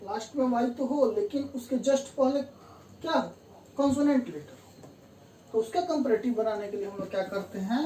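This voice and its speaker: Woman grammar teacher, patient step-by-step explainer, mellow tone, far from the mic in a roomy space. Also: a little high. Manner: explains step by step, repeats key terms and says "theek hai" to check understanding. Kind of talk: classroom lesson explaining grammar rules. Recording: distant roomy mic with faint room hum.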